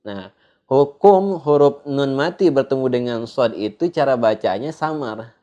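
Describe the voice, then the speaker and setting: A male religious teacher from Indonesia gives a slow studio lesson on Quran recitation. He speaks at a mid pitch and a very leisurely pace, pausing often on "eh" and "ah". His explained points are measured and plain. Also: expressive, mellow, lo-fi sound. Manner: unhurried, hesitant with "eh" fillers, sings out drawn-out recited examples.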